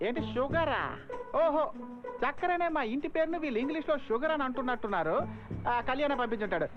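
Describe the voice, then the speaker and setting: A man's voice: extremely high pitch, expressive, fast talker. A man playing a cheeky, chatty comic sidekick in a film. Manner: chatty, cheeky village banter. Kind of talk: Telugu film comedy. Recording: dull film audio with music.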